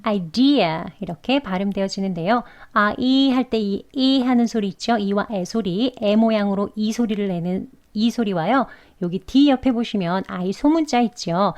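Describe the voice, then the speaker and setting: A woman's voice: mid-range voice, darkish tone. A woman teaching English pronunciation in Korean, explaining mouth shapes patiently and saying each example word twice. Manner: patient, demonstrates sounds slowly and repeats each word twice. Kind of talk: slow instructional explanation with repeated example words.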